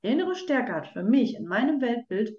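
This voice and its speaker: A woman talks earnestly as a guest in an interview, explaining her ideas through everyday examples. Her voice sits fairly high and keeps pausing on fillers. The recording sounds roomy and dull, like a lo-fi setup. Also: very animated. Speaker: children's book author, guest. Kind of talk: conversational podcast interview.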